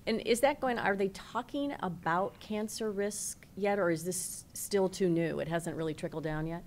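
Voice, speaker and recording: A woman's voice: on the low side, moderate pace, a little mellow, a little hiss or hum. A middle-aged woman hosting a studio panel, asking probing questions. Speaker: host. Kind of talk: studio interview. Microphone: desk mic.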